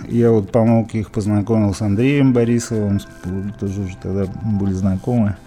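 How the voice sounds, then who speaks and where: A man's voice: on the low side, fairly even intonation, a little fast, dark tone, soft background music. A man from Izhevsk, Russia, a musician being interviewed, talking in a rambling way with many fillers and restarts. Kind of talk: casual interview reminiscing.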